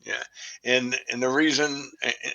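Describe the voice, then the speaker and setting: A man with a Boston accent, talking as a guest expert in a casual discussion, pausing often with fillers and restarts. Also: mid-range voice, flat delivery, vocal fry, bright, forceful tone, dull audio. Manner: halting, many fillers and restarts.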